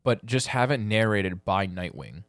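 Male podcast co-host, deep-ish voice, laid-back rambling delivery, dry recording. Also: lively intonation, dry recording. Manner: laid-back, drawn-out, lots of "like" fillers. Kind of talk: casual chat.

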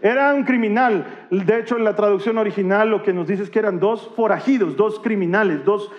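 A male pastor, preaching a sermon with animated delivery and humorous acted-out Bible scenes. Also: high-pitched, fairly quick, big-room sound, lo-fi sound.

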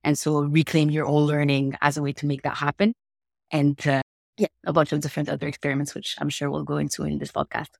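A woman's voice: sits low, flat delivery, fast, creaky, no room sound, studio quality. A woman in her thirties from Morocco, a podcast guest telling her story in an earnest, thoughtful way with small laughs. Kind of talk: reflective conversational interview.

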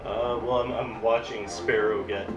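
Male tabletop role-player, slightly deep, improvised delivery, echoey distant pickup, heavy music. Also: little pitch movement, measured pace, lo-fi sound. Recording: echoey, distant mic, loud music behind.

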